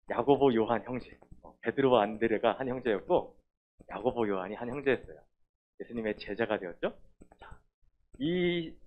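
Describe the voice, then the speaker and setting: A man preaching a children's sermon, telling the story with animated questions to the kids. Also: medium pitch, phone-quality sound. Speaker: children's pastor.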